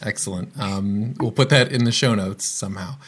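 A man's voice: lowish voice, moderate pace, very noisy. A man hosting a casual podcast, chatty and upbeat, introducing his guests with plenty of fillers. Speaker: podcast host.

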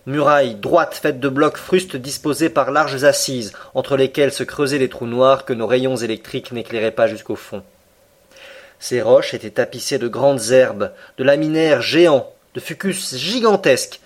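Man reading a classic novel aloud. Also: medium pitch. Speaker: audiobook narrator. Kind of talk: scripted literary narration.

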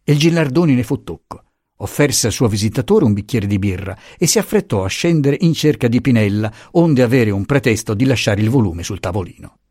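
A man narrating a classic novel as an audiobook, measured and expressive, recorded close on a studio mic. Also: medium pitch, no echo.

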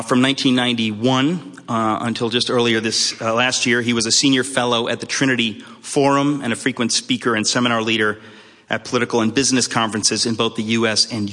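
A man introducing the evening's guest speaker in a friendly way, pausing often with fillers. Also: mid-range voice, pushed and bright. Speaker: event host introducing the speaker. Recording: long hall reverb.

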